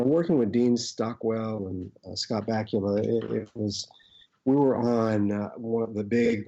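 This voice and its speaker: A middle-aged man with an Arkansas accent, casually reminiscing as an interview guest in a rambling, halting way. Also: fairly low pitch, gravelly, warm tone. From Arkansas, United States. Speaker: actor, podcast guest. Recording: dull, lo-fi audio.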